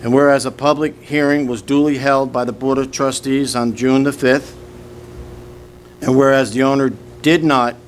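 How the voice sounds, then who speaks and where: Guy running a village board meeting, formal official reading, average pitch, slight background noise. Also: little pitch movement, moderate pace. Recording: noisy public meeting room recording.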